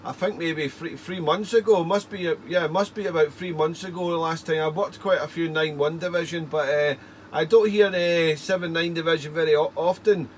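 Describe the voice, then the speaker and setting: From the United Kingdom, this amateur radio operator speaks at a moderate pace in a fairly high-pitched voice. He chats casually with other call signs, rambling stop-start and repeating himself, over a faint, steady background hiss.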